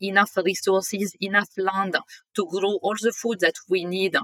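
Guest, French woman, 30s, bright tone, halting delivery full of fillers. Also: medium pitch, flat delivery, dry recording, low-quality recording. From northern France. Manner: hesitant, frequent "uh" fillers. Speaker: guest, company co-founder. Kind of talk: casual interview.

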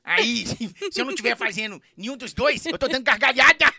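Gravelly, laughing comedian. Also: male voice, extremely high pitch, bright, forceful tone, no room sound, studio quality. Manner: jokey, laughs often at his own jokes. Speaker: comedian guest. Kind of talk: playful interview chat.

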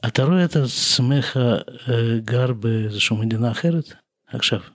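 A man asking questions as an interviewer in a casual conversation. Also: mid-range voice.

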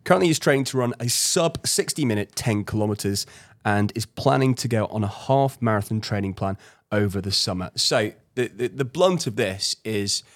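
A man co-hosting a running podcast, reading a listener's email aloud in a relaxed way. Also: lowish voice, normal speed. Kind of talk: casual podcast chat.

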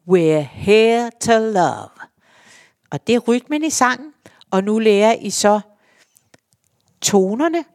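A woman's voice: mid-range voice, darkish tone, no room sound, clean studio sound. Patient woman teaching choir singing. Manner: patient, explains step by step and counts in. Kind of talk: spoken singing lesson.

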